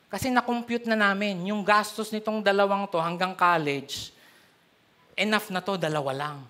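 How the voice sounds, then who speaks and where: Filipino male pastor, bright voice, lively storytelling sermon, middle-aged. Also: sits high, normal speed. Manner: animated storytelling, switching between Tagalog and English.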